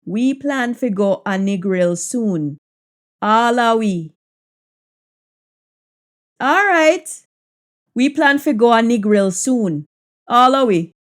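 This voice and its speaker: A woman with a Jamaican accent giving a language lesson, deliberately saying and repeating practice sentences in Jamaican Patois. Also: a little high, lively intonation. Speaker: language teacher.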